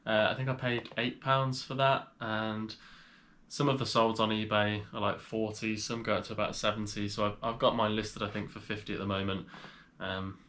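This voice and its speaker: Chatting casually for his vlog, a reseller holds items up to the camera, his lowish voice slightly nasal from a cold. He rambles in a relaxed way, pausing often.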